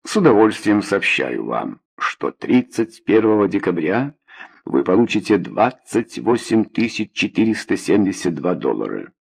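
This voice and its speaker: A man's voice: lowish voice, sing-song, a little slow, gravelly, breathy edge, heavily acted. Murray, a man doing a cold, gloating boss. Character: cold, gloating male boss firing an employee.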